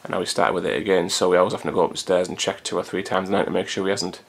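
This vlogger speaks low and rapid-fire with a flat delivery, his voice creaky and slightly rough. He's rambling casually to his own camcorder, picked up by its built-in mic, in a hot room at home.

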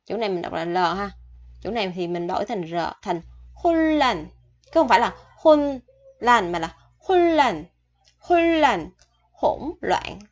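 A woman teaching a vocabulary lesson, repeating each word slowly and then explaining it in a chatty way. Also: lowish voice, lively intonation, darkish tone. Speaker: Korean language teacher. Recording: dull lo-fi recording.

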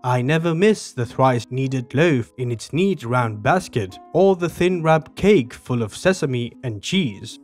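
A man's voice: medium pitch, animated, a little slow, few pauses, a little mellow, faint music behind, natural voice. A man voicing a proud, boastful young male mouse warrior in a storybook retelling, with grand, formal recitation.

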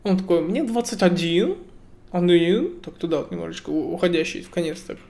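Joking young man with a gravelly voice. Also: high-pitched, animated, fairly quick, a little mellow. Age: 20s. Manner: joking, teasing, laughs often. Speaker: guitarist chatting with strangers. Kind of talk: casual video chat. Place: indoor room, seated in a chair. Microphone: webcam video call.

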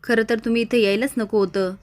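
A woman reading the lines of a sharp-tongued elderly grandmother in a curt, dismissive way. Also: fairly high pitch, steady tone, fast talker, lightly acted. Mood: scolding.

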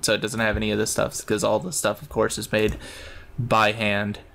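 A man's voice: on the low side, monotone, moderate pace, creaky, a bit bright. A man giving casual gameplay commentary, thinking aloud in a rambling way. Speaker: gamer narrating his own play.

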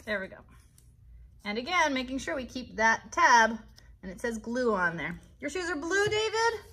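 Very animated and bright, with a high, pushed voice at a moderate pace, this American host in her thirties leads a live children's craft tutorial. A puppeteer as well, she talks directly to the children in a chatty, encouraging way on an indoor child's bedroom set.

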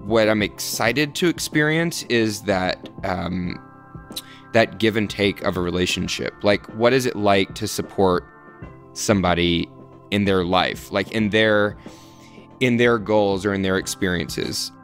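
A man's voice: lowish voice, a little slow, a bit bright, faint music behind. A man in his thirties, a podcast guest, talking earnestly and reflectively about his own dating life, thinking aloud. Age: 30s. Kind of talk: candid interview talk.

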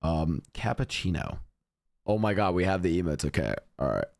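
A man's voice: sits low, sing-song, normal speed, creaky, a little mellow, no echo, studio quality. A young man streaming, reacting to clips and bantering with chat in a joking, profane way.

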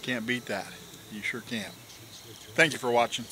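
A man's voice: mid-range voice, fairly even intonation, moderate pace, noisy background. A man vlogging outdoors at his campsite, chatting casually while he eats, rambling with fillers and trailing off. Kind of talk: casual chat while eating.

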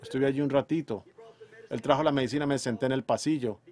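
A man preaching a sermon, emphatic, moving between loud declarations and hushed storytelling. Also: mid-range voice, fast talker. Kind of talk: fervent sermon delivery.

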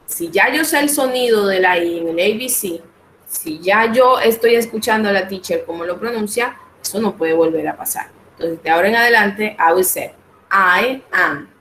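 A Colombian woman with a Colombian Spanish accent teaches English over a computer mic. She explains in Spanish and slows right down to model each English phrase. Her voice sits in the middle range, in an echoey room with a faint hum behind it. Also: mid-range voice, fairly bright tone. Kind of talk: online class lecture.

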